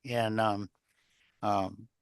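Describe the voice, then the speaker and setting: A man with a lowish voice speaks flatly, drawing out his words in a clear, resonant tone, recorded cleanly in a studio with no echo. He is an interview guest, a leadership author and coach, offering conversational advice in a rambling way that circles back over phrases and poses rhetorical questions.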